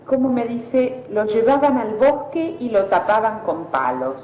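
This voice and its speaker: A woman's voice: a little high, animated, measured pace, a little mellow. A woman, patiently asking set prompts in an elicitation interview. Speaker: linguistic fieldworker. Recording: echoey, dull old field recording with faint hiss.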